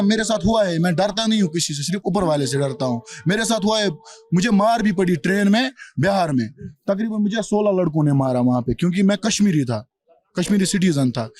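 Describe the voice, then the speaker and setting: A man's voice: high voice, a little mellow. A man from Kashmir answering a street interview bluntly and defiantly. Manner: blunt, defiant, repeats himself. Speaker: local resident.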